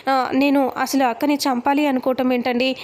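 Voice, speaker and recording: A woman's voice: sits high, little pitch movement, moderate pace, darkish tone, natural voice. A woman voicing a tearful young wife, pleading that she did nothing wrong, in a story recap. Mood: hurt.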